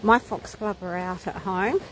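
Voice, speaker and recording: Woman rambling casually on a nature walk, really unhurried, kinda awed, bit of outdoor noise and birds behind her. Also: medium pitch, poor audio. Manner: unhurried, musing, with exclamations of wonder. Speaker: vlogger leading a nature walk. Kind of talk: casual live walking commentary. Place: outdoors on a wooded walking trail. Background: nature ambience with birds.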